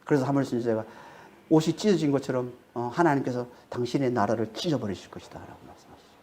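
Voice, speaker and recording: A woman's voice: very deep voice, fast talker, mellow, a little hiss or hum. A woman pastor preaching a sermon, emphatic, and she keeps prodding her listeners with questioning tags. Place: church sanctuary.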